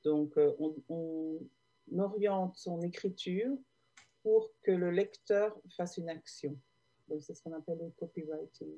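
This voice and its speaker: A woman from Belgium, her voice fairly low, warm, and a little slow, talks about her digital marketing work as a guest on a video call. Her casual interview answers are hesitant, full of fillers and restarts. The recording sounds muffled.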